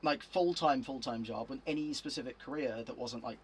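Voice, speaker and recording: A man's voice: medium pitch, fairly quick, breathy edge, rough recording. A young man streaming from home, chatting casually and rambling with lots of restarts and chuckles. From England. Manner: rambling, self-interrupting, chuckles often. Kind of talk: casual live-stream chat while gaming.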